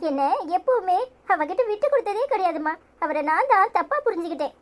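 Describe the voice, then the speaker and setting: A woman's voice: extremely high pitch, animated, brisk. A woman voicing an earnest, pleading young married daughter in a cartoon, with a Tirunelveli Tamil accent.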